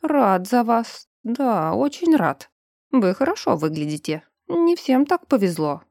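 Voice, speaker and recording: A woman voicing a sly, sarcastic middle-aged male lynx-shifter official who drawls slowly and then barks. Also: a little high, very animated, a little mellow, dry recording, studio quality. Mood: drawling sarcasm. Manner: slow, sarcastic, suddenly barking.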